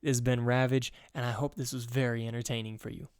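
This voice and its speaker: A man's voice: medium pitch, flat delivery, quick pace, smooth, no room sound. Rambling, joking man in a dry voice-over. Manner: rambling, joking, self-mocking. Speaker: channel host. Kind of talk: casual fan-theory voice-over.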